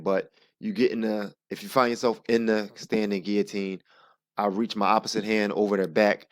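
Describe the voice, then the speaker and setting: A man narrating sparring footage in a casual, halting play-by-play, thinking aloud as he explains each move. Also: lowish voice. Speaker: jiu-jitsu practitioner narrating own sparring footage.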